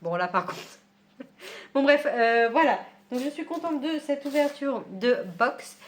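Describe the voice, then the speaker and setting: A woman's voice: high voice, expressive, a little slow. A woman book vlogger chatting casually at home while she unboxes a book subscription box, with many fillers and small laughs.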